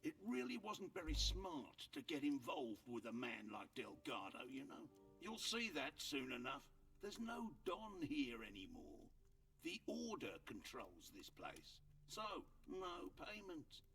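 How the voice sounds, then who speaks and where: A man's voice: mid-range voice, sing-song, unhurried, vocal fry, fairly bright tone, recorded from a distance, faint music behind, exaggerated voice. An actor playing a smug, crooked merchant and innkeeper in a video game, with a sly salesman's patter that turns scornful. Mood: scornful, defiant. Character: crooked male merchant and innkeeper, smug, defiant, self-righteous.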